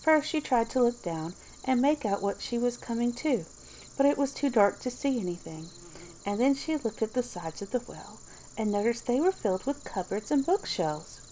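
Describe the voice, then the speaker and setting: A woman's voice: a little high, animated, normal speed, dark tone, slight background noise, low-quality recording. A woman reading a storybook aloud in a whispered ASMR style, as a narrator. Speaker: storybook reader.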